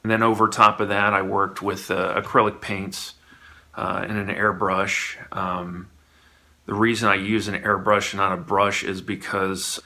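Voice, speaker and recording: A man, a guest illustrator chatting informally and haltingly as he explains his craft. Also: low voice, little pitch movement, sharp tone. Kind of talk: casual explanatory chat.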